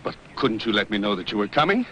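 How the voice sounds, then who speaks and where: A stern older banker father, lecturing in a formal, measured way. His voice sits low but sounds bright and forceful, with light hiss underneath. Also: very animated, rough recording.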